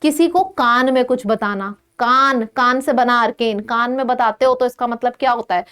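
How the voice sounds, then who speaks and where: Indian woman tutor, high bright voice, rattles off synonym lists, slows down on the English words. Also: smooth. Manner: lists many synonyms in a row, checks in with "ठीक है"; mixes Hindi with English words, slows down to stress English phrases. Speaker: English vocabulary teacher. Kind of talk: exam-prep vocabulary lesson.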